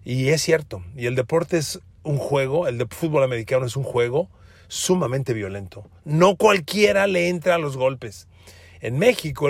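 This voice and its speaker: Husky Mexican man doing sports talk. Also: medium pitch, no room sound, clean studio sound. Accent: Mexican Spanish. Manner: emphatic, addresses listeners as friends, repeats words for stress. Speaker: sports podcast host. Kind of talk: sports commentary monologue.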